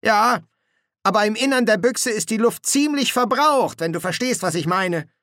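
A man's voice: high voice, animated, normal speed, a bit bright, dry recording, clean studio sound, pitched above the performer's own voice. A man voicing a scruffy, timid army corporal in an audiobook, with a whiny, grumbling voice. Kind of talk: audiobook character voice.

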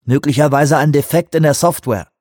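A man reading an audiobook, voicing a relaxed dive station chief who reassures a colleague. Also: fairly high pitch, brisk, dry recording, studio quality, pitched above the performer's own voice, close to an everyday voice. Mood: reassuring. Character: middle-aged male dive station chief, easygoing.

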